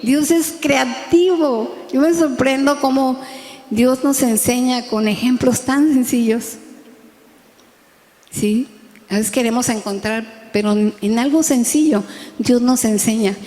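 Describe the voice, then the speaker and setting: A woman's voice: on the high side, slow, dark tone. A middle-aged woman with a Mexican accent preaching a sermon, chatty and often asking the congregation for agreement. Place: large church hall. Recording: echoey hall with long reverb.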